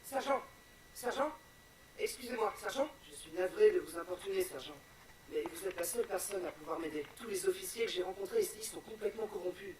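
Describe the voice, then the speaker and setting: A man's voice: high voice, animated, a little fast. An actor playing an anxious, deferential male soldier who pleads earnestly in a video game. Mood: urgent pleading. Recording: slightly distant, crowd chatter behind.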